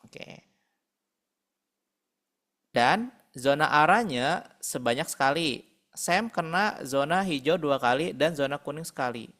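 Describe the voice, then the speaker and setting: A man's voice: a little high, lively intonation, slow pace, pauses often, fairly bright tone. A man tutoring a math class over a video call, patiently working through problems aloud. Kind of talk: online math lesson.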